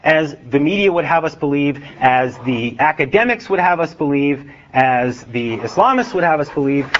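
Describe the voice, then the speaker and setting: An American man giving a relaxed talk as an author, with many fillers and acted-out dialogue. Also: fairly high pitch, muffled recording. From United States. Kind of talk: public talk with a joke. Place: event hall with a live audience.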